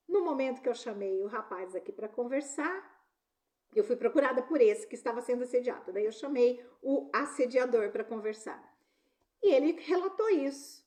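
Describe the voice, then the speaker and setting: Brazilian woman, middle-aged, high voice, earnest talk on workplace bullying, keeps tagging "né?" onto her sentences. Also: dark tone. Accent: Brazilian Portuguese. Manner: earnest, often ends sentences with "né?". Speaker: speaker on workplace harassment. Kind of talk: talk with personal stories.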